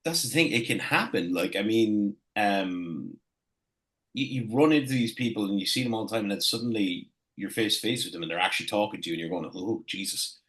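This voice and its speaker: A man with an Irish accent talks casually as an interview guest. His voice sits low and has a bright, punchy edge, and he repeats phrases as he thinks back. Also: expressive. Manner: halting, repeats phrases while reminiscing. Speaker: guest, wrestling ring announcer.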